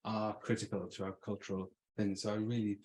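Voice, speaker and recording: A man's voice: on the low side, little pitch movement, fairly quick, a little mellow, a little hiss or hum. Swansea-accented man giving an informal talk. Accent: Swansea Welsh. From Swansea, South Wales. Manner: conversational, thinking aloud. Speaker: invited speaker, arts practitioner.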